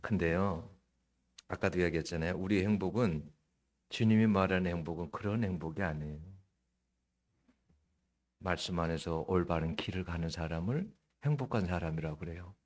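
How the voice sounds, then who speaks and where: A man preaching a sermon as pastor, asking the congregation direct questions and swinging between loud and hushed delivery. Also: deep voice, moderate pace, long pauses.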